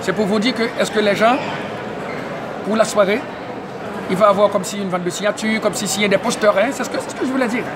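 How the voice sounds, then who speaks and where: A man who interviews at an event, excitable and tagging nearly every phrase with "hein?". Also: high-pitched, fast talker, long pauses. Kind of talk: casual community media interview. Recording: noisy crowded public event. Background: crowd chatter.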